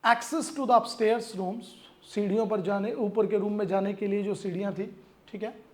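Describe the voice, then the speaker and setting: A man's voice: high-pitched, fairly even intonation. Man teaching English grammar in Hindi. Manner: explains in Hindi, reads English sentences slowly, asks students questions. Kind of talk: exam-prep grammar lesson.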